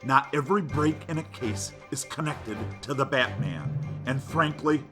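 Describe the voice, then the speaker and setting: A man's voice: medium pitch, unhurried, natural voice. Commissioner Gordon played by a man over music. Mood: defensive, indignant. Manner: formal, defensive. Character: indignant, official male police commissioner. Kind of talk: radio drama press statement.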